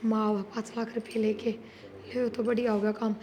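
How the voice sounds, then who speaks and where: A woman's voice: fairly high pitch, little pitch movement, brisk, mellow, a little hiss or hum, natural voice. A young woman playing a persuasive, scheming married daughter with a Haryanvi accent, in a comedy drama.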